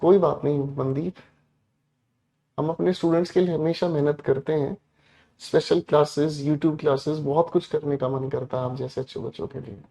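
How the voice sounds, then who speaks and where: Male tutor, fairly high voice, lectures a class, repeats himself, keeps asking "got it?", jumps from loud to soft. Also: fairly even intonation, moderate pace. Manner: repetitive, addresses students directly, asks check questions; switches between loud emphatic and soft low delivery. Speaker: English teacher.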